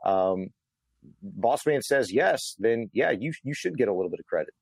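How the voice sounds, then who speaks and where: A man co-hosting a casual sports talk show, speaking in a laid-back, measured way. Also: lowish voice, expressive, creaky, slightly rough, dry recording. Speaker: podcast co-host. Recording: faint music underneath.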